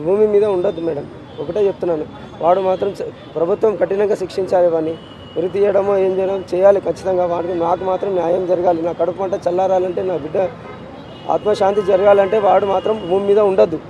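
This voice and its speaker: A distraught man with a Telangana Telugu accent talks quickly in a raised, high register, his voice dark and mellow. He repeats himself insistently and emotionally, pleading in a street interview. Faint street noise sits behind him. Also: fairly even intonation, highs cut off. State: distraught with grief. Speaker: interviewee, grieving father.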